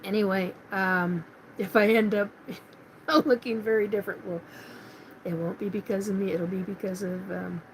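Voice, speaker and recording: This middle-aged woman from Washington State hosts a live paranormal chat, talking casually and rambling with many fillers and restarts. Her medium-pitched voice is steady and moderately paced. The recording is rough, with slight background noise.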